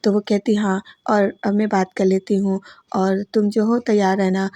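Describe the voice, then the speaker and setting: A woman's voice: medium pitch, flat delivery, normal speed, dark tone, dry recording. Dry-voiced woman recapping a serial. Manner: retells scenes in plain storytelling, quoting each character in her own voice. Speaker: voice-over narrator recapping a TV serial. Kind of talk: casual spoken recap.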